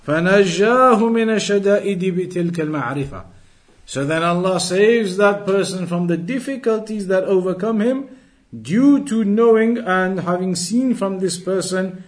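With a high voice, the man teaches an Islamic lesson, reading aloud from a text and unpacking it at a deliberate pace while repeating key phrases to stress them.

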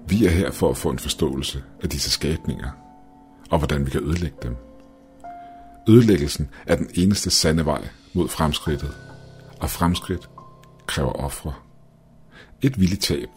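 A man voicing a cold, fanatical male scientist who speaks with eerie, slow calm. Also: extremely low pitch. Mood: coldly calm. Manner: eerily calm, slow and measured.

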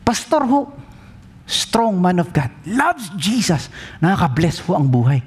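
A Filipino-accented male pastor delivers a humorous sermon, with a somewhat high voice that swings widely as he tells his stories. He teases his listeners and slips easily between languages. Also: unhurried, breathy edge. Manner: animated storytelling, mixing in English, teasing.

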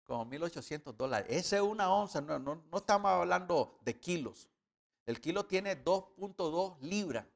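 High-voiced man preaching a sermon. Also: animated, normal speed, vocal fry. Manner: teaching with sums, rising to loud emphatic retelling.

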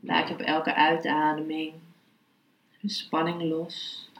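Woman teaching calmly in an echoey room. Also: sits low, takes it slowly. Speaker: yoga philosophy and meditation teacher, podcast host. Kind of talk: spoken lesson, then slow guided meditation. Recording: roomy, echoing sound.

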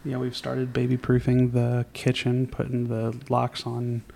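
A man's voice: mid-range voice, monotone, unhurried, gravelly, mellow. A young man co-hosting a home podcast, chatting in an easygoing, rambling way with plenty of restarts. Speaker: podcast co-host. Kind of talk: casual chat. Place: home at night.

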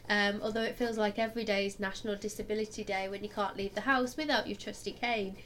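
A woman co-hosting a podcast in casual chat, with a croaky voice from being ill and a giggly, jokey manner. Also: mid-range voice, fairly even intonation, fast talker, a bit bright, slight background noise. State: poorly with flu or cold. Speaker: podcast co-host.

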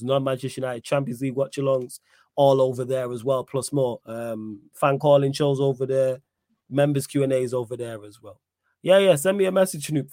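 A man's voice: mid-range voice, darkish tone, no room sound, studio quality. A man with a London roadman accent hosting a livestream, chatting casually in slang. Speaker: livestream host.

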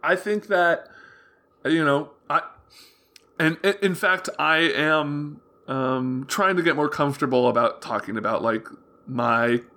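A young man with prominent vocal fry talking openly in a casual interview, earnest and rambling, often backtracking as he tells his story. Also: on the high side, measured pace, pushed and bright. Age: young adult. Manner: hesitant, rambling, self-correcting storytelling; open, earnest. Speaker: interview guest.

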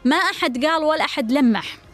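A woman's voice: sits high, lively intonation, fast talker, fairly bright tone, soft background music. A woman giving relationship advice, blunt and direct, firing repeated pointed questions.

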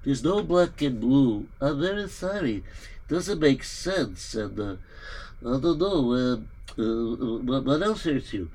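Quiet bewildered doctor, hesitant, bright tone, a male storyteller doing him. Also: a little high, full character voice, poor audio. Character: puzzled male town doctor, calm.

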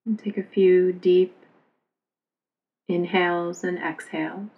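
In a dull-sounding recording, a woman guides a relaxation session as a yoga teacher. She offers gentle, simple directions in a fairly low, heavily fried voice, keeping her pace unhurried and her pitch almost perfectly level.

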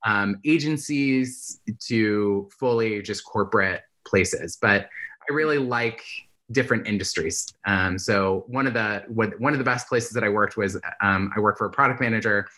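A man from the Bay Area, a guest in a casual interview, talking in a relaxed, chatty way with lots of "like". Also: on the low side, moderate pace. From San Francisco Bay Area, US. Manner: relaxed and chatty, heavy use of "like". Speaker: guest, UX researcher.

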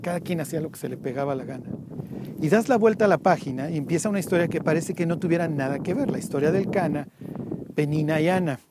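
Mexican man preaching outdoors, loud noise. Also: a little high, fast talker. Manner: lively storytelling, acts out biblical voices. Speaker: tour guide preacher. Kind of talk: outdoor Bible teaching. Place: outdoors at a site.

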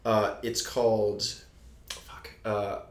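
A man's voice: lowish voice, flat delivery, slow. A slightly drunk man hosting a casual podcast chat in a slangy, loose way. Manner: slangy, sweary. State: a little drunk. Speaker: podcast host. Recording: roomy, echoey space.

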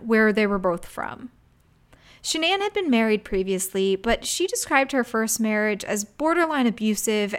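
A woman hosting a true crime podcast, narrating a scripted story in a conversational way as a true crime narrator. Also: on the high side.

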